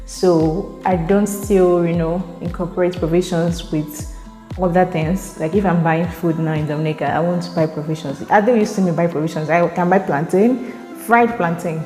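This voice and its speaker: This vlog features a young Nigerian woman whose voice is on the low side, mellow, fairly even in intonation and moderately paced. She chats casually to camera with a Nigerian accent, laughing often and repeating words as she thinks. Faint music sits behind the echoey room sound.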